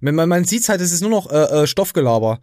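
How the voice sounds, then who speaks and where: A man's voice: on the high side, very animated, fast talker, a little mellow, no room sound, studio quality. A young man with an East German accent hosting a casual podcast, ranting crudely and mockingly. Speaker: podcast host.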